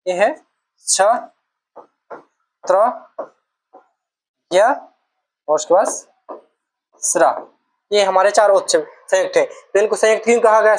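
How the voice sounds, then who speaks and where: A woman's voice: mid-range voice, poor audio. Patient woman teaching Hindi letters. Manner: patient, repeats each sound and asks the class questions. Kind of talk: exam-prep lesson.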